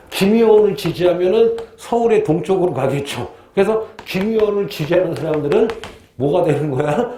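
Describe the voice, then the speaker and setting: A male history teacher giving a lively lecture, often quizzing his students with questions. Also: sits high, echoey room, a little hiss or hum.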